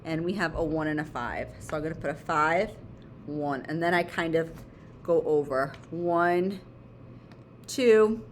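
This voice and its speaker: A woman's voice: low voice, a little slow. Woman teacher explaining, noisy background. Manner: instructional, breaks phrases into short pieces, checks in with "okay?" and "right?". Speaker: elementary school math teacher. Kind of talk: step-by-step homework lesson for children.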